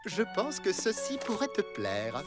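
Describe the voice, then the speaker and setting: A man's voice: high voice, huge pitch swings, a little slow, loud music behind the voice, heavily acted. A man voicing a theatrical older male librarian with a formal, dramatic manner in a cartoon dub. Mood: mysterious.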